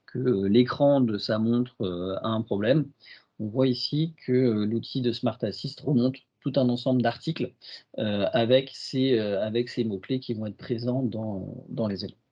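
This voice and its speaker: A man with a French accent presenting a software demo in a webinar, hesitant and full of fillers and restarts. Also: mid-range voice, moderate pace, husky, muffled recording.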